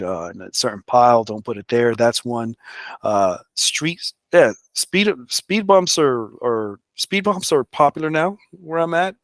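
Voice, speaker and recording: A man's voice: mid-range voice, no room sound. Candid conversational New man. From the Bronx, New York. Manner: candid, conversational, often adds "you know". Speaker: public works director, guest. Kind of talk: casual interview talk.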